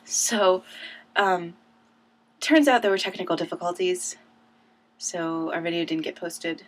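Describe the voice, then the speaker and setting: A woman's voice: fairly low pitch, measured pace. A young woman telling a story in a casual vlog, bubbly and gushing, saying "like" often. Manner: bubbly, gushing, says "like" a lot. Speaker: vlogger. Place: at home, indoors.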